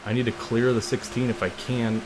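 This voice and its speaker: A young man streaming a racing game live, calling the action in an excitable, announcer-like play-by-play. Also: medium pitch, a little fast. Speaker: gaming streamer.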